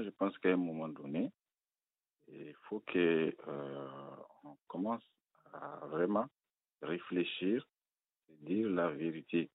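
Man, voicemail message, low voice, blunt and emphatic, tinny phone line. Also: creaky, no echo. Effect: voicemail message left by phone. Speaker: listener caller. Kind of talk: opinionated call-in message.

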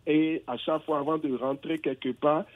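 A man's voice: a little high, fairly even intonation, normal speed. Man calling in over a tinny phone line. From England. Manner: hesitant, searching for words, with many restarts. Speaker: caller. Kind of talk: phone-in conversation. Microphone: telephone.

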